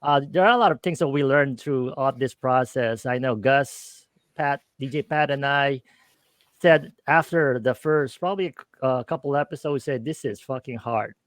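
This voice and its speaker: Heard with no echo, this podcast co-host has a mid-range voice and a moderate pace. He is a middle-aged Filipino-accented man chatting casually on a streamed talk show, upbeat but full of hesitant fillers.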